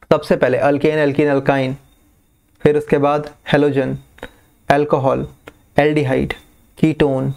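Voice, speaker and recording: A man explains chemistry in a relaxed, coaxing way. His voice is gravelly and sits a little high. He drags out key terms and keeps checking that his students are following. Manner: coaxing, checks understanding often; repeats key terms slowly. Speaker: chemistry teacher. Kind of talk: casual classroom explanation.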